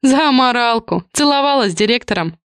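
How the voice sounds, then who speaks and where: A woman's voice: fairly high pitch, lively intonation, a little fast, clear, resonant tone, no room sound, studio quality, pitched above the performer's own voice, natural voice. A woman doing a flustered, panicky young woman.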